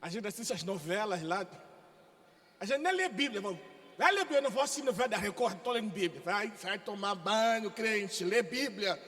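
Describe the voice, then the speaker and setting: A man pastor from Africa preaching a sermon in a lively, exclamatory, joking way. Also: high voice, a little fast, long reverb tail. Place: church.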